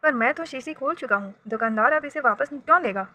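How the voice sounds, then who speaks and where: A woman's voice: high voice, expressive, brisk, bright, forceful tone. A woman voicing a stern, protective middle-aged father in a read-aloud storybook, speaking in a raised voice.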